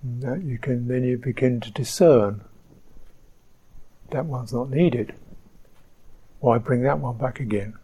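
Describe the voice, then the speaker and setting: A man giving a slow, reflective dharma talk as a meditation teacher on a retreat, pausing often. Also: medium pitch, breathy edge, poor audio. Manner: slow, reflective, soft-spoken with pauses. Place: retreat centre hall.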